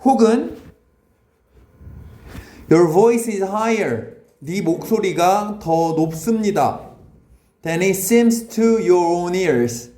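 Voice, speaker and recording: 높은 목소리로 퀴즈 내듯 설명하는 남자 영어 강사. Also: male voice, sits high, expressive, warm tone, reverberant. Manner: brisk, quizzing students, switches between Korean and English. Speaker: English teacher. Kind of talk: classroom grammar lesson. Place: classroom.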